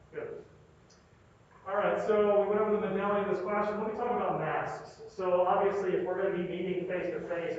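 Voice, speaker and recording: A man lecturing informally in a classroom, talking through a face mask, repeating phrases for emphasis and checking in with his listeners. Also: on the high side. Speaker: university lecturer. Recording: echoey classroom, distant mic, dull, faint noise.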